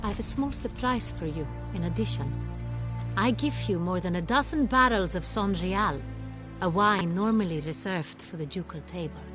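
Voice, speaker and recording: An actress voicing a gracious ruling duchess in a video game, speaking in formal, stately court language. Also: female voice, lowish voice, moderate pace, over music, close to an everyday voice. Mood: ceremonial. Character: gracious regal duchess, ruler of a realm.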